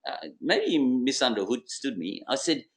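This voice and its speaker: A middle-aged man, a business consultant, telling a case story to an audience in a theatrical way and acting out the dialogue. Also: moderate pace. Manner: lively, theatrical, acts out dialogue with swinging pitch. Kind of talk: animated storytelling presentation to an audience.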